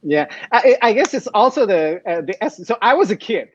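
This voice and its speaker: A middle-aged man born in Iran who grew up in France, speaking as an interview guest, animated and full of restarts and "you know". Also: sits high, fairly quick, slightly rough. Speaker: guest, tech startup founder. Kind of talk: casual interview talk. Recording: dull lo-fi remote audio.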